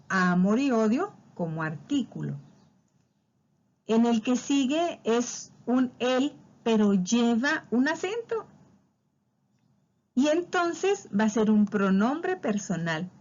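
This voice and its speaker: A woman's voice: a little high, a little mellow, highs cut off. A woman teaching a spelling lesson, patiently walking through examples and drawing out key words. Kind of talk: spelling lesson explained over slides.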